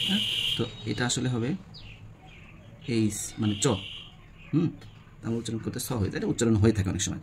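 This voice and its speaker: A man's voice: mid-range voice, a little hiss or hum. A man with a Bangladeshi Bengali accent, teaching a spoken English lesson and checking in with his class. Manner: repeats questions to the class, frequent "হ্যাঁ?" checks.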